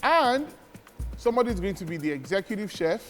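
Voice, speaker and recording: A man hosts a cooking contest, calling out instructions with energy and a somewhat high voice. His words ring with a long reverb on a studio set, and faint music plays underneath. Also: very animated, a little fast. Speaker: host. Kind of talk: hosting a reality cooking show.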